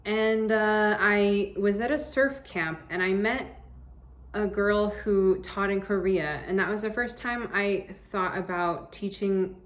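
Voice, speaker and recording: A woman's voice: medium pitch, slow pace. An American woman in her thirties from Arizona, talking casually to camera as a travel vlogger, chatty and upbeat with rambling restarts, seated indoors. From United States (Arizona). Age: 30s.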